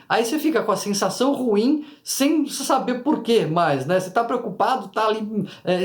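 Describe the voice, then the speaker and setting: A man with a fairly high voice explains emotions to his viewers in a lively, chatty way. He often slips into short acted bits of inner dialogue. The room around him sounds roomy and echoey. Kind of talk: casual explanatory video talk to viewers.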